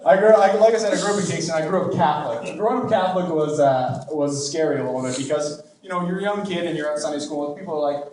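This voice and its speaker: A young comedian from Canada rambles through a crude, self-deprecating set in a fairly high voice. The room is very echoey and the mic sounds distant. A crowd laughs loudly behind him. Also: male voice, quick pace, hardly any pauses. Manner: rambling, crude, self-deprecating, many "like" and "you know" fillers. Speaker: stand-up comedian. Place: comedy club.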